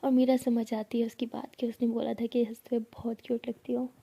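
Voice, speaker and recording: A woman's voice: a little high, flat delivery, brisk, gravelly, dark tone, breathy edge. A young woman telling a love story in a casual, chatty way, with asides to the listener.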